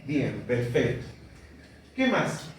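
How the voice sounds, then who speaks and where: A man's voice: medium pitch, very animated, takes it slowly. A male teacher giving a classroom lecture, explaining patiently and often checking in with his students. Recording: echoey room from far off, faint noise.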